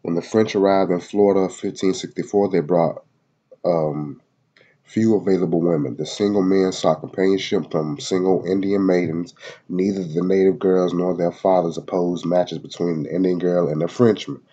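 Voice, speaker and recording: Stuffy from a head cold, a guy with a low, dark, husky voice reads a website aloud for his video from home in Florida, through a dull lo-fi mic. He speaks at normal speed with fairly even intonation, adding slangy asides and lots of fillers in casual screen-recorded commentary.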